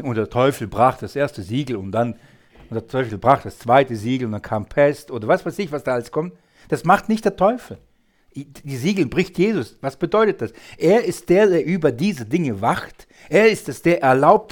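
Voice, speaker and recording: Man preaching a Bible teaching sermon; emphatic, mid-pitched, quizzes the congregation with rhetorical questions.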